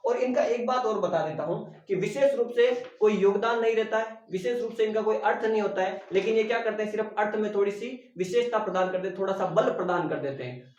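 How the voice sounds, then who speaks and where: A man's voice: high-pitched, darkish tone. A man teaching a Hindi grammar lesson for exam preparation, with a Rajasthani Hindi accent, who keeps asking questions and answering them himself while repeating the key terms. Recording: very echoey, dull lo-fi room recording.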